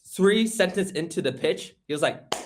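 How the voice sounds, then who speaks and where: A man, telling eager, quick stories as a guest on a casual interview show. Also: sits high, lively intonation, a little hiss or hum. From California. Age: teens. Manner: eager, fast storytelling. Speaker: guest, hackathon organizer.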